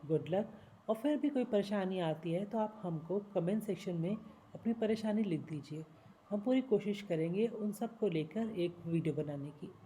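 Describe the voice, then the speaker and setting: A woman teaching spoken English, spelling out long words slowly, syllable by syllable. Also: mid-range voice, animated, dark tone, slight background noise, rough recording. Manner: slow, syllable-by-syllable spelling and pronunciation.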